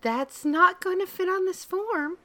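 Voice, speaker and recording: A woman's voice: very high voice, measured pace, pushed and bright, shouting, slight background noise, full character voice. A woman playing a chirpy school receptionist. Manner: chirpy and friendly.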